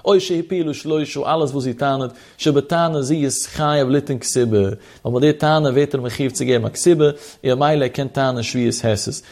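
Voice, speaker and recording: Gravelly man teaching a text lesson. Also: mid-range voice, moderate pace, hardly any pauses, a little mellow. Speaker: religious teacher. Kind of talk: traditional text study lesson.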